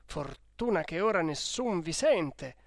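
A man's voice: fairly high pitch, expressive, takes it slowly, gravelly, no room sound, clean studio sound, full character voice. A man doing a fretful old village priest. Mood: scolding. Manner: anxious, scolding in hushed tones. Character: fearful fussy old male village priest.

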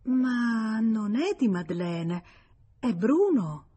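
A woman reading an audiobook gives voice to a jealous young woman, a hot-tempered lover with shrill, accusing outbursts. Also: sing-song, slow, dark tone, husky, heavily acted. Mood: suspicious. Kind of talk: audiobook character voice.

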